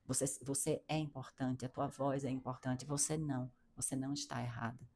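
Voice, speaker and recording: A woman's voice: rumbling low, steady tone, brisk, darkish tone, slight background noise. A middle-aged woman with a Brazilian Portuguese accent giving an earnest, emphatic motivational talk to women, repeating phrases and restarting often. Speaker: coach for women.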